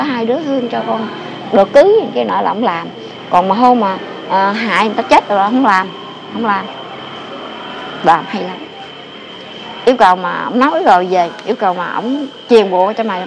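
Speaking at a medium pitch and a fast clip, an older woman being interviewed shares local stories in a rambling, emphatic style, going back over the same phrases. It's casual storytelling, captured outdoors amid noise and passing traffic, with the high frequencies cut off.

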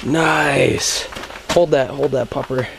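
A man's voice: mid-range voice, fairly even intonation, takes it slowly, gravelly, background noise. A young man hosting a casual fishing vlog, upbeat and coaching his cousin with short repeated cheers, recorded on an action camera inside a small ice shelter. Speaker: outdoors channel host.

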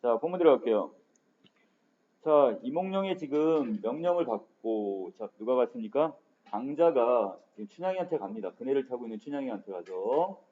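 A man's voice: mid-range voice, lively intonation, moderate pace. A male literature teacher giving an online exam-prep lecture in a casual manner, starting sentences with frequent filler words, in a dull lo-fi recording.

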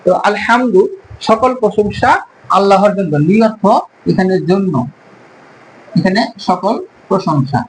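Male teacher, high voice, drawn-out syllables for drills, faint hiss on the track. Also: rough recording. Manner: slow, careful, drawn-out syllables when modelling sounds. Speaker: Arabic teacher. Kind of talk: pronunciation lesson.

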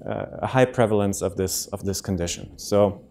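A German-accented cardiologist in his thirties gives a friendly public health talk on heart rhythm to a community audience, speaking plainly in a fairly low, dark voice. He often pauses with "ums" and restarts sentences. The talk is in a lecture room, picked up by handheld and podium microphones.

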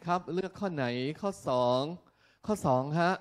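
A man teaching a class, explaining slowly and often checking that his students are keeping up. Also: high voice. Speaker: English teacher. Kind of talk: classroom lesson.

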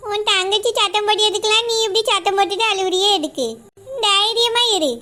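A woman's voice: very high voice, fairly quick, bright, forceful tone, voice pushed down. A woman voicing an old village grandmother in a cartoon who scolds the family bluntly. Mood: scolding. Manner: scolding, matter-of-fact.

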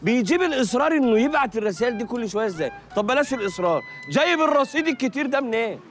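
An actor playing a cheeky, mocking sidekick with an Egyptian accent. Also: male voice, extremely high pitch, sing-song, rapid-fire, soft background music. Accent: Egyptian Arabic.

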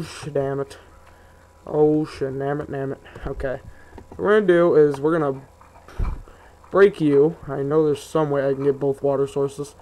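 A young man giving casual, rambling commentary while he plays a video game, often sidetracked and grumbling in asides. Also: on the high side. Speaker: gaming video host. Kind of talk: casual let's play commentary.

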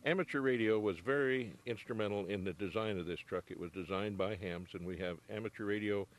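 A brisk, fairly low-pitched older man, interviewed as a ham radio operator for a TV news segment, responds to technical questions in a plain, matter-of-fact way into a handheld mic. He's in his home radio room at first, then in a parked truck.

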